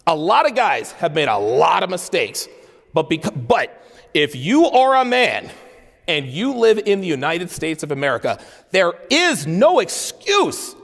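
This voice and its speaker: A gravelly-voiced man in his forties delivers a blunt, profane keynote, his high voice swinging widely as he repeats his points for emphasis. The speech rings with the long reverb of a large conference hall. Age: 40s. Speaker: keynote speaker. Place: conference hall with live audience.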